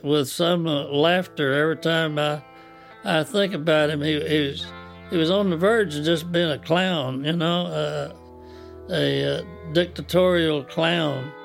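Halting, gravelly older man. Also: on the high side, steady tone, faint music behind. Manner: halting, many fillers and restarts. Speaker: interviewee. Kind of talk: interview recollection.

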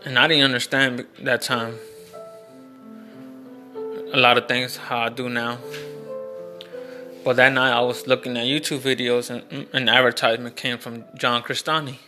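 Over quiet guitar music, a young man tells a casual personal story for his vlog, speaking frankly and rambling with plenty of fillers and restarts. His tone is bright and forward, flat in pitch, at normal speed with frequent pauses.

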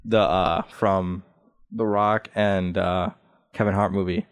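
A man talking as a guest on a podcast in casual chat, earnest and hesitant, full of pauses and restarts. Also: sits low, little pitch movement, no echo, studio quality.

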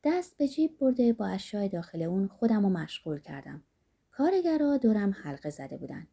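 Woman reading a novel aloud, dark husky voice, lots of rise and fall. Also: mid-range voice, big pitch swings. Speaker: audiobook narrator. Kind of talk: literary audiobook reading.

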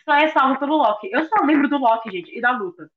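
A woman's voice: high-pitched, expressive, fast talker. A Brazilian woman co-hosting a podcast, talking in a slangy, playful way. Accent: Brazilian Portuguese. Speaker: podcast co-host. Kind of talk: casual podcast chat. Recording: phone-like thin sound.

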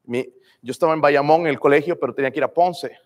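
High-voiced fervent preacher in a hall. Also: male voice, quick pace. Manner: fervent, calls out to the congregation with "hermanos" and "amén". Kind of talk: sermon. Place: church sanctuary. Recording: long reverb of a church hall.

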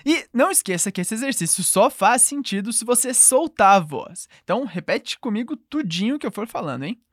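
A woman's voice: on the high side, big pitch swings, a little fast, no room sound, studio quality. A woman with a Brazilian Portuguese accent teaching a call-and-response language lesson, patiently modelling phrases for the listener to repeat.

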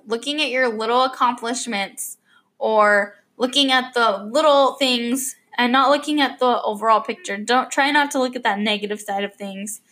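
A woman's voice: a little high, fairly bright tone. A young woman hosting an unscripted podcast, rambling with lots of fillers and restarts, a little choked up. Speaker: podcast host. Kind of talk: unscripted casual podcast monologue.

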